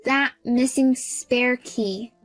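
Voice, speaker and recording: A woman with a high voice tells a dramatized first-person story. She talks in a calm, firm and cool way, with no rush. Faint music sits behind her. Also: very slow, dry recording. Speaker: narrator and homeowner in the story.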